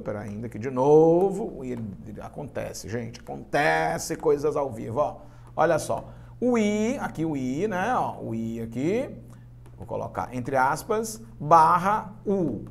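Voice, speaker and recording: A man's voice: on the high side, vocal fry. A man with a Brazilian accent teaching a live online grammar lesson for exam prep, chatty and talking straight to his students. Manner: animated, chatty, addresses students directly.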